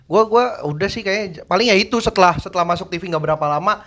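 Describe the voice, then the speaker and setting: Laid-back man recounting, slightly high. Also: quick pace, fairly bright tone. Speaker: stand-up comedian guest. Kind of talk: casual chat.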